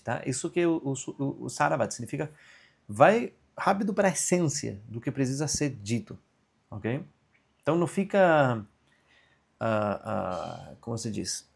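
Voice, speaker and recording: A man's voice: medium pitch, vocal fry, darkish tone, breathy edge. A man teaching an online Sanskrit grammar class over a video call, explaining patiently and often checking in with "entende?". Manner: slow chanted recitation of a verse.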